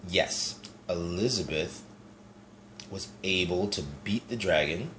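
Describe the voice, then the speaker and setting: A man reading a picture book aloud to young children in a low, gentle voice. He talks in a relaxed, chatty way and stops often to point things out in the pictures. A faint hiss sits behind him. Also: slow. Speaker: storyteller.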